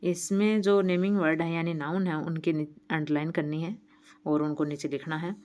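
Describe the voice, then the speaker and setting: A woman teacher explaining a workbook lesson, reading each item slowly and then asking and answering her own questions. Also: deep voice, little pitch movement, darkish tone.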